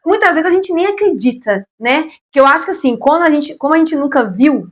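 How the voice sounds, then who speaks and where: A woman's voice: high voice, expressive, brisk. Brazilian woman hosting an interview. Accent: Brazilian Portuguese. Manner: affirming and encouraging, many short agreements. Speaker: host.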